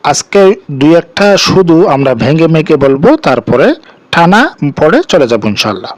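A man's voice: a little high, expressive, moderate pace, dry recording. A man teaching Quran reading, spelling out Arabic syllables one by one and drawing out each blended word in a patient chant. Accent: Bangladeshi Bengali.

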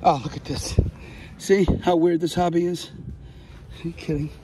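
A man narrating his metal detecting finds outdoors in a casual way, often exclaiming with excitement. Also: on the high side, moderate pace, a little hiss or hum. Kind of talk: casual narration while digging. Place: outdoors in a large field.

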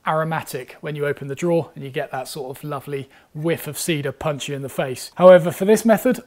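A man's voice: fairly high pitch, darkish tone. Upbeat young man teaching woodwork. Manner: upbeat, chatty, explains step by step. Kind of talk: instructional talk. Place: woodworking workshop.

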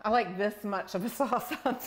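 A woman's voice: medium pitch, moderate pace. A middle-aged woman, playfully chatting while demonstrating a recipe in a home kitchen, on a lapel mic. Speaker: cooking show host. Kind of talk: casual cooking demonstration.

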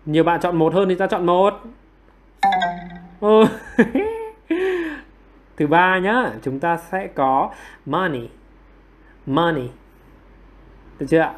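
Higher-voiced man coaxing students for answers. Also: soft background music. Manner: self-deprecating, quick to apologize with laughs. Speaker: online English teacher. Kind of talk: livestream quiz teaching.

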